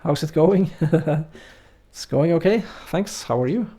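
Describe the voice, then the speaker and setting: A man from Norway, his voice a little high and his pace slow, chats casually with viewers while streaming a game in a Norwegian accent. He's relaxed and hesitant, leans on fillers, and reads the chat aloud.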